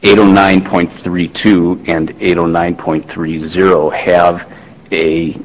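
A man, a lawyer, making a formal oral argument before a court, measured, with restarts and fillers. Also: low-pitched, flat delivery, big-room sound, slight background noise, rough recording. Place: large courtroom.

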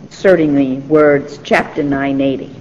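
A man's voice: mid-range voice, steady tone, measured pace, lo-fi sound, background noise. A man, a judge, putting short probing questions to a lawyer in court.

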